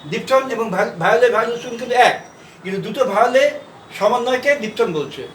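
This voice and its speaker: A male teacher works through a shorthand lesson, saying each word again slowly and spelling out its letters. He sits back from the microphone, so his voice reaches it through a roomy echo. A faint background hiss runs under his speech. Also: very high voice, recorded from a distance. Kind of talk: classroom lesson.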